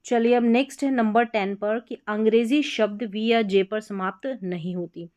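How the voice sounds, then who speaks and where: A woman's voice: medium pitch, fairly even intonation, darkish tone, no room sound. Indian woman teaching grammar, dry sound. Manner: explains step by step, repeats examples slowly. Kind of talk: exam-prep grammar lesson.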